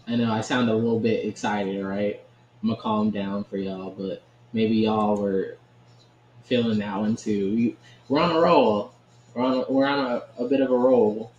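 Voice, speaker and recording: A man's voice: lowish voice, fairly even intonation, a little slow, long pauses, a little mellow, lo-fi sound. A man giving casual, chatty commentary while he plays a card game, often laughing and checking in with "right?". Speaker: gaming channel host. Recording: echoey room with faint ambient noise.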